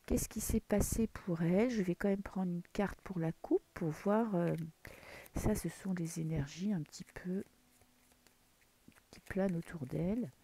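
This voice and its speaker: Early in the morning in a dim room at home, a French-accented woman chats casually while reading tarot. Her fairly low voice is unhurried, mellow and slightly rough, and she rambles with many fillers and restarts.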